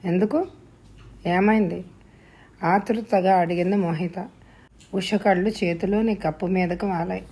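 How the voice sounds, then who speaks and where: A woman's voice: lowish voice, steady tone, moderate pace, mellow. A woman narrating an audio novel, voicing the dialogue with feeling. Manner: voices dialogue with rising emotion.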